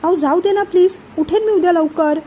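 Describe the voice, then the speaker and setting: A woman's voice: very high-pitched, a little fast, dark tone, slight background noise, voice pushed up. A woman reading a young, clumsy newlywed wife's lines in a pleading tone.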